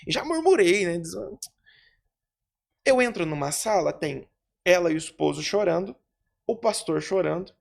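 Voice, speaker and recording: A man, a pastor, telling a testimony story in a lively, animated way. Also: high-pitched, normal speed, gravelly, pauses often.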